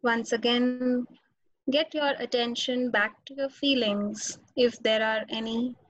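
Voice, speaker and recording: A woman meditation teacher with an Indian accent speaks in a fairly high voice. Her instructions come slowly, separated by long pauses. The sound is dry and a little dull, as if over a webinar call. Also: fairly even intonation, a bit bright, dry recording. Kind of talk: guided meditation. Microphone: video call. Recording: dull, muffled webinar audio.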